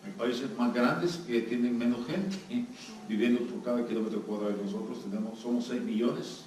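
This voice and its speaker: A man with a mid-range, darkish voice and a Salvadoran accent speaks at a moderate pace as a visiting pastor. He keeps his sermon interactive, joking and questioning the congregation. The echoey hall, distant mic, and background noise come through clearly.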